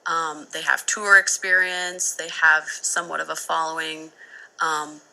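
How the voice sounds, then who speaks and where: A woman's voice: deep voice, little pitch movement, measured pace, vocal fry, pushed and bright, rough recording. A young woman giving casual, matter-of-fact and concise answers as an interview guest. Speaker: company representative, interview guest.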